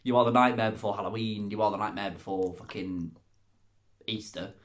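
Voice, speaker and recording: A man's voice: on the low side, brisk. A man hosting a casual chat, full of cheeky, teasing banter. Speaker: host. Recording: echoey room.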